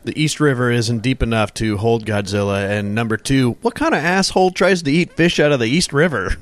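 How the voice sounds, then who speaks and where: A man's voice: mid-range voice, brisk. A man in a casual movie commentary, cracking dry jokes and laughing between them. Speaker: podcast co-host.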